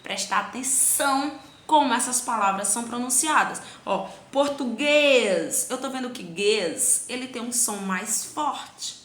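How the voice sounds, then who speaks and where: A bright, fairly high-voiced woman gives a grammar lesson to children. She draws out syllables slowly to show where the stress falls, and she asks the pupils' questions in her own voice. The room around her is echoey. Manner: plays both teacher and pupil asking questions. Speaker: teacher.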